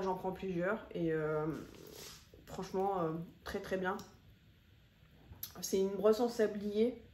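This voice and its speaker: A woman at a middle pitch talks loosely through her favourite cosmetics, filling pauses and doubling words as she gushes. She is recorded on a phone camera in an echoey room at home. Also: darkish tone. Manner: chatty, repeats words for emphasis, many fillers. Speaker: beauty vlogger. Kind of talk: casual product review chat.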